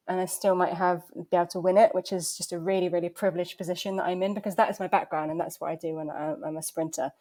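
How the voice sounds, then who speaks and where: Here is a woman with a low, easygoing speaking voice, talking through her answers as a podcast guest. She is casual and quick to laugh, and she often stops and restarts mid-sentence. She sounds like a young adult. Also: darkish tone. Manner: chatty, laughs easily, with halting restarts. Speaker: podcast guest, transplant athlete.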